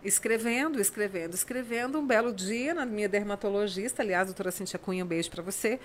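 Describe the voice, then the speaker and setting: A woman's voice: medium pitch, fast, a little hiss or hum. A woman, a writer and radio chronicler, telling stories in a casual interview and acting out the dialogue in them. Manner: warm storytelling, acts out dialogue.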